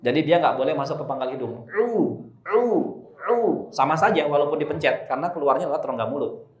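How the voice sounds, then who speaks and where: A man's voice: on the high side, muffled recording. Man teaching recitation, echoey hall. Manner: demonstrates slow drawn-out recitation, joking asides. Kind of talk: live tajwid class with congregation. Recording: echoey room.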